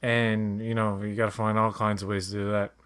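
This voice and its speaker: A man's voice: on the low side, flat delivery, a little fast, fairly bright tone, clear, resonant tone. A man from Canada chatting casually as a watch-along co-host, blunt and repeating words for emphasis. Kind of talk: casual chat and commentary.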